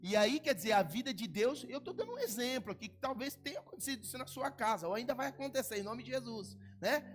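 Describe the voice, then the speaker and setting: A middle-aged man from Brazil preaching a sermon as pastor, moving between quiet, personal asides and loud, rising exhortation. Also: extremely high pitch, expressive, fast talker, soft background music.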